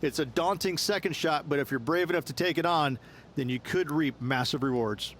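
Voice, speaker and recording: A man's voice: fairly high pitch, normal speed, a bit bright, slight background noise, lightly acted. A man playing a golf commentator in a video game, explaining in a conversational analyst's manner. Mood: explanatory.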